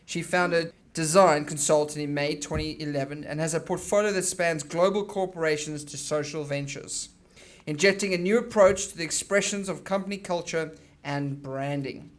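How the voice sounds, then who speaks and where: A man's voice: on the high side, moderate pace. South African man introducing a speaker. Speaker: event host. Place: event stage before an audience.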